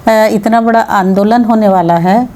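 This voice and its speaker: A woman's voice: mid-range voice, measured pace, a little mellow. A woman legislator answering interview questions firmly, arguing her case with rhetorical questions. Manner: firm, argumentative, rhetorical questions. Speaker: MLA, interview guest.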